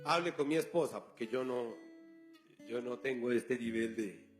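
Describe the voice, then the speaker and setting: A man's voice: mid-range voice, normal speed, faint music behind. A male pastor preaching a sermon, telling a story and acting out the dialogue. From Colombia.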